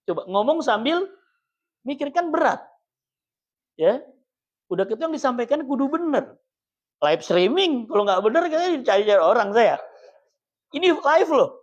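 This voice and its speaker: A man's voice: sing-song, moderate pace, long pauses. Jokey man preaching, lo-fi sound. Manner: jokey, chatty, often laughs; wide swings in pitch and loudness. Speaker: religious teacher. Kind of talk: mosque study-circle sermon. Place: small prayer hall.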